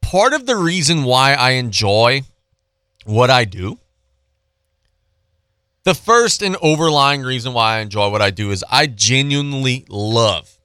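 A man's voice: medium pitch, sing-song, a little slow, long pauses, sharp tone, smooth, no echo, studio quality. A man with a Louisiana accent hosting a local sports radio show, telling a story in an earnest, casual way.

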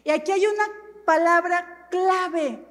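A middle-aged woman pastor gives an animated, dramatic sermon full of self-mocking humor. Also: very high voice, takes it slowly. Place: church hall. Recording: long hall reverb.

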